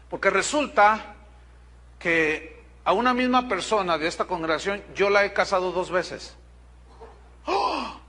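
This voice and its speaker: Lively Mexican pastor preaching. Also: male voice, high-pitched. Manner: storytelling, blunt and animated with asides to the congregation. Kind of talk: sermon. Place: church congregation.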